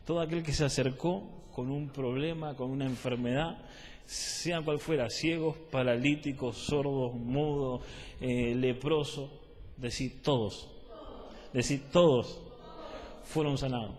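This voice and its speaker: A man's voice: mid-range voice, steady tone, a little slow, darkish tone. Rioplatense preacher man in a reverberant hall. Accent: Rioplatense Spanish. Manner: repetitive, asks the listeners if they follow. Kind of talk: discipleship teaching sermon.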